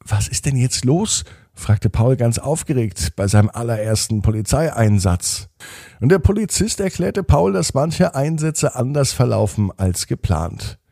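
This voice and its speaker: A man tells a children's bedtime story in a warm, slightly husky voice, his pitch rising and falling with lively expression. He speaks gently to the child listening, close and dry, with faint music behind him. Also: measured pace, no room sound.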